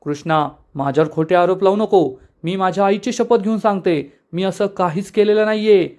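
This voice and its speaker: A man's voice: high voice, moderate pace, a little mellow. A man voicing a scheming, shameless young woman in a retold TV serial scene, who feigns innocence and snaps back in indignant denial.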